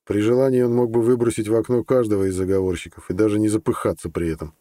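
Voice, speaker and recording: A man reading a fantasy novel aloud in calm, even scripted narration. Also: fairly low pitch, fast, dry recording, studio quality. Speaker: audiobook narrator.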